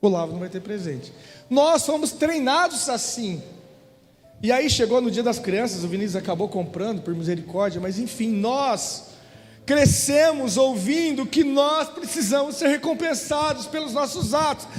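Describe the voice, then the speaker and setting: High-voiced Brazilian preacher in a church hall. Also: male voice, normal speed. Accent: Brazilian Portuguese. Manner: storytelling preacher, emphatic repetitions. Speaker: pastor. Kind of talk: sermon. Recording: hall reverb with faint music.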